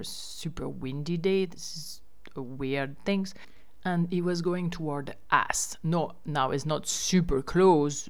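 Female host, deep clean tone, informal update delivery. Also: clean tone. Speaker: host running a riverside lodge and campsite. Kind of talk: casual spoken news update.

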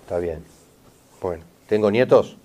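With a low, darkish voice and a measured pace, a middle-aged Rioplatense therapist conducts a consultation with an audience member. He is insistent, repeatedly using "¿está bien?" and "mirá" to confirm he is understood.

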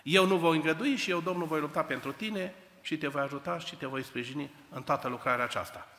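A man's voice: fairly high pitch, fairly bright tone, long reverb tail. A man voicing God in a sermon, speaking in a solemn, reassuring way. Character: God, calm commanding male divine voice.

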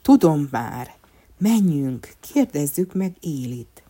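A woman voicing an earnest, anxious little wood elf in a storybook reading, pleading and higher than her narration. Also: animated, dark tone, slightly rough. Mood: hopeful.

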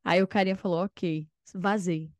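A young Brazilian woman with an accent from Espírito Santo, hosting a relaxed, slangy interview chat. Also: fairly high pitch, moderate pace, no echo, clean studio sound. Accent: Brazilian Portuguese, from Espírito Santo. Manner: relaxed, slangy, acts out quotes. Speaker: host.

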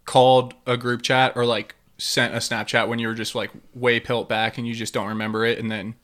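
A man's voice: mid-range voice, flat delivery, a little fast, fairly bright tone. A man co-hosting a casual chat, telling rambling stories full of swearing, "like" and "dude". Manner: rambling storyteller, swears freely, lots of "like" and "dude".

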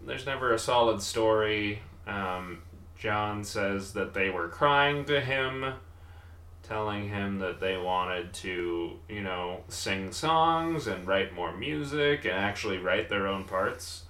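A man's voice: fairly low pitch, lively intonation, slow pace, sharp tone, roomy sound. A man co-hosting a casual chat who rambles, laughs often and trails off mid-sentence. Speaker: podcast co-host.

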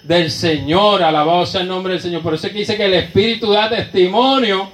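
Fervent high-voiced preacher, echoey church. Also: male voice, fairly even intonation, a little fast, fairly bright tone. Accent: Puerto Rican Spanish. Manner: fervent, with constant interjections of praise. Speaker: pastor. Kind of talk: sermon testimony.

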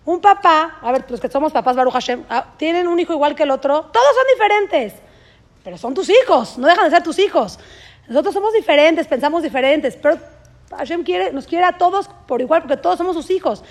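A woman's voice: sits high, expressive, a little fast. A woman with a Mexican accent gives a spoken religious lesson in an earnest, emphatic way, often restarting her words. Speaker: religious teacher.

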